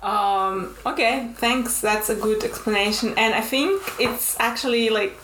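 A woman's voice: fairly high pitch, unhurried, a bit bright, a little hiss or hum. A woman hosting an interview podcast, asking questions hesitantly and searching for words with many fillers. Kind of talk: casual interview. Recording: echoey room.

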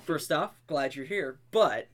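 A man co-hosting a podcast in casual chat, chatty and giggly, telling stories with animated quoted reactions. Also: fairly high pitch, unhurried. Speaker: podcast co-host.

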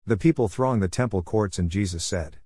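A man narrating a religious text as an audiobook, in a measured, even reading. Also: lowish voice, breathy edge.

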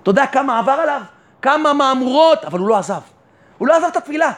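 Rabbi teaching a lesson, very high male voice, poses his own questions and answers them, pushes his point home. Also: animated. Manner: rhetorical questions answered by himself; addresses listeners warmly and directly. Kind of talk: Torah lesson.

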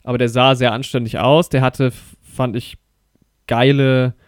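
A relaxed man rambles through a podcast film review, full of fillers, self-corrections and excited slang. His voice sits at an ordinary middle pitch. The recording is dry and close, with no room sound. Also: unhurried, clean tone, no echo. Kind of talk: casual film review chat.

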